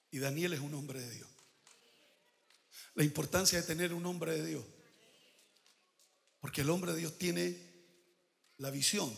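High bright-voiced man preaching in a hall. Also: vocal fry. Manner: emphatic preaching, swinging between loud declarations and quiet asides. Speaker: pastor. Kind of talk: sermon.

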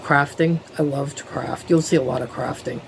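A woman's voice: low voice, steady tone, normal speed, gravelly, a little hiss or hum, rough recording. Middle-aged woman with a lisp. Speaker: vlogger. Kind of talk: casual talk to camera. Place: living room at home, indoors. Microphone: webcam at desk, close framing.

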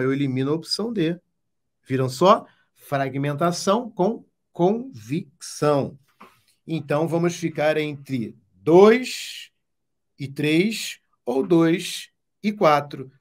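A Brazilian man teaching Portuguese exam prep, explaining step by step with emphatic, repeated catchphrases. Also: on the high side. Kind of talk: exam-prep lesson at a whiteboard.

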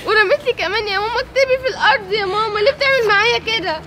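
A woman's voice: extremely high pitch, racing, noisy background. A woman playing a tearful frightened girl. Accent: Egyptian Arabic. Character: frightened young daughter, tearful.

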